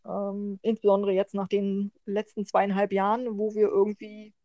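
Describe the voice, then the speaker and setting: A woman's voice: medium pitch, monotone, normal speed, warm tone, no echo, dull audio. A woman from the northern German coast co-hosting a podcast, chatty and full of hesitant fillers. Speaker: podcast co-host. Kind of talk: casual podcast discussion.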